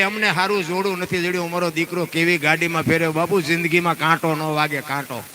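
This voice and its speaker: Folk storyteller, male; emphatic and preachy, acts out the voices of the people in his stories, with music clearly heard under him. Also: sits high, pushed and bright. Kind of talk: folk storytelling and moral talk before an audience.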